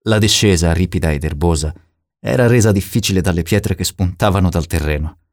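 A man reading a novel aloud as narrator in a steady, measured way. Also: sits low, no echo, clean studio sound. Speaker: audiobook narrator. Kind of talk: scripted narration.

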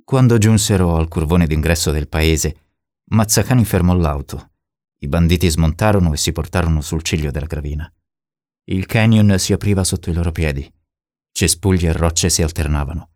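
A man with a very low, deep voice narrates a crime novel in a steady, measured reading. The sound is close and dry, with no room around it. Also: no echo. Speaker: audiobook narrator. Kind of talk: scripted narration.

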